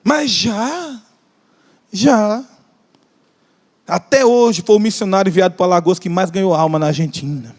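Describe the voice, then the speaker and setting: A man's high, darkish voice fills a large church hall with long reverb as he preaches an impassioned sermon. He has a Brazilian Portuguese accent, stretches out key phrases for emphasis, and jokes with the congregation.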